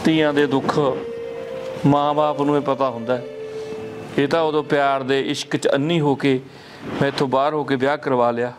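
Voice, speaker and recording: A man's voice: medium pitch, little pitch movement, moderate pace, noisy background, lightly acted. A man playing a consoling village father. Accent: Punjabi. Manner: scolding, then gently consoling. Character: older village father consoling his daughter. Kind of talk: rural short film acting.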